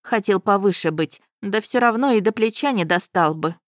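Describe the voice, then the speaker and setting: A woman telling a story in the first person, in a lively and wry manner. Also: medium pitch, moderate pace, dry recording, clean studio sound. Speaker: narrator.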